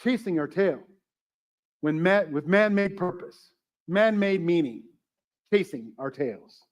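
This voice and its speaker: A man's voice: high-pitched, lively intonation, takes it slowly. A man preaching as pastor to his church, chatty and joking, asking the congregation questions. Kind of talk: sermon.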